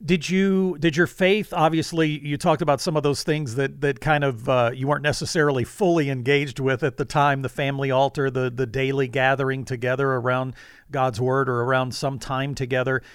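A man hosting a faith-based radio program, reading measured introductions and asking interview questions. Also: mid-range voice, flat delivery, clean tone, no room sound, studio quality. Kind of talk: scripted radio host narration and interview.

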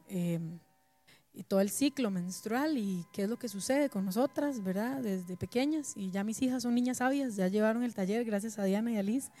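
A woman's voice: medium pitch, dark tone. A woman, talking candidly as a guest and often ending her remarks with a questioning tag. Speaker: guest musician and mother. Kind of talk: candid personal talk.

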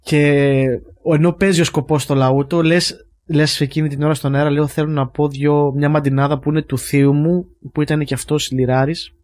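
A male host with a fairly high voice asks questions in a halting way, often restarting his sentences. The sound is dry and close. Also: little pitch movement, a little mellow, no room sound. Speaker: radio host. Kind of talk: casual interview.

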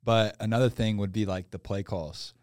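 Young man, football player, easygoing anecdotes, low voice, dry close sound. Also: steady tone, normal speed, a little mellow, no echo. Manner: easygoing anecdotes, hesitant "uh" starts. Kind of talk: casual podcast chat.

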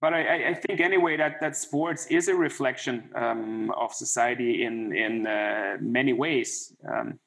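A middle-aged former hockey player speaks over a remote call in a casual interview, restarting often and saying "you know" a lot. His medium-pitched voice is creaky and fairly bright, measured in pace with hardly any pauses, and the recording is rough.

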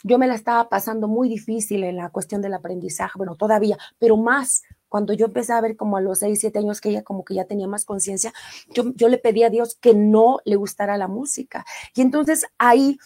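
A middle-aged woman with a Mexican accent, a singer chatting casually on a live stream, reading viewer comments warmly and effusively. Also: mid-range voice, fairly even intonation, brisk.

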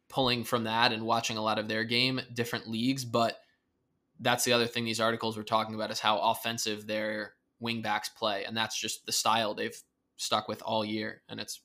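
Bright-voiced male podcast co-host. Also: mid-range voice. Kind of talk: casual sports chat.

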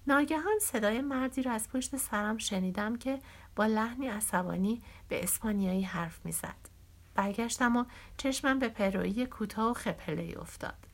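A woman narrating a novel as an audiobook in a steady, measured reading voice. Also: a little high.

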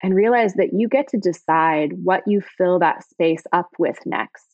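A woman leading a guided body-scan meditation in slow, soft, soothing phrases. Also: lowish voice, no echo, highs cut off.

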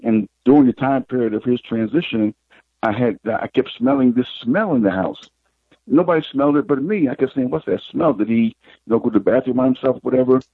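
A middle-aged man, a psychic guest, telling his life story in an interview in an unhurried, reflective way. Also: mid-range voice, husky, dry recording. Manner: unhurried, reflective, retells scenes with quoted dialogue. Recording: tinny phone line.

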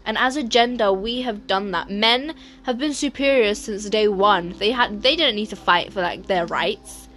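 A woman's voice: mid-range voice, normal speed, a bit bright. A young woman co-hosting a podcast, chatting casually and emphatically, often saying "like" and laughing. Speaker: podcast co-host. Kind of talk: casual chat.

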